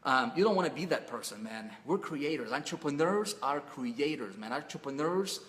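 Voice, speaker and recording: A man's voice: fairly high pitch, lively intonation, normal speed, fairly bright tone. A man hosts a webinar in an easygoing, rambling pep-talk manner. He restarts his sentences and leans on fillers as he urges listeners on, and his voice trails off into a long reverb, as if he is talking in a big, hard room. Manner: casual, repetitive, with frequent fillers and restarts. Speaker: webinar host.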